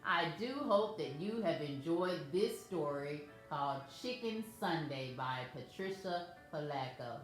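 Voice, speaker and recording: A woman reading a picture book aloud to children as a storyteller, in a gentle, measured way. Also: low voice, expressive. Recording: very echoey room, faint music.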